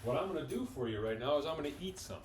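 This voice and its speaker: A man's voice: fairly high pitch, expressive, racing, noisy background. A man giving a folksy, enthusiastic cooking demonstration in a home kitchen, talking with his mouth full as he eats.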